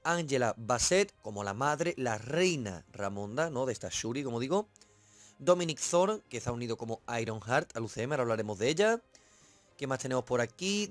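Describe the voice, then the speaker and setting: A man's voice: mid-range voice, no echo. Emphatic, cursing man from Spain. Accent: Spain Spanish. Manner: emphatic, swears freely, repeats for effect. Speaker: film reviewer, channel host. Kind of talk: casual film review monologue.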